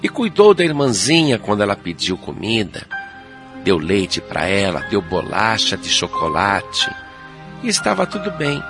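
A man telling a children's story with dramatic, expressive delivery. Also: fairly low pitch, measured pace. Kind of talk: storytelling narration. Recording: loud music and rain behind.

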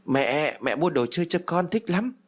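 A man's voice: fairly high pitch, very animated, moderate pace, pitched above the performer's own voice. A man voicing the ghost of a young boy who is bitter and vengeful, with a sulky, childish, reproachful way of talking. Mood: happy.

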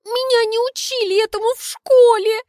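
Woman voicing a shrill, wailing heroine. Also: steady tone, normal speed, darkish tone, no echo, studio quality. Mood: horrified. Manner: wailing, melodramatic outbursts.

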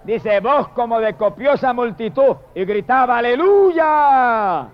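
Fiery high-voiced Puerto Rican preacher. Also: male voice. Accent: Puerto Rican Spanish. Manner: dramatic, shouting drawn-out hallelujahs, then murmured prayers. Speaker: evangelist preacher. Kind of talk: fiery sermon. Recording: dull lo-fi sermon recording.

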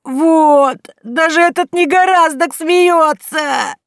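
A woman's voice: mid-range voice, normal speed, a little mellow, no room sound, clean studio sound, natural voice. A woman reading aloud, voicing a big, stubborn young peasant woman who wails and snaps in old-fashioned folksy speech. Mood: wailing.

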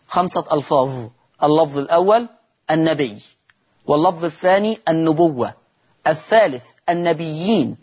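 A man with an Egyptian accent teaching Quran recitation on television, moving between quick explanation and slow, drawn-out chanted verses. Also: fairly high pitch, breathy edge. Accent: Egyptian Arabic. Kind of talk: televised tajweed lesson.

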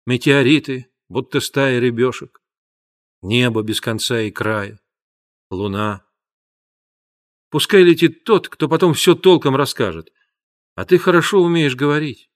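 A man voicing a gentle, worried mother of many children in an audiobook. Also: medium pitch, measured pace, pauses often, close to an everyday voice. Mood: pleading. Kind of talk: audiobook character voice.

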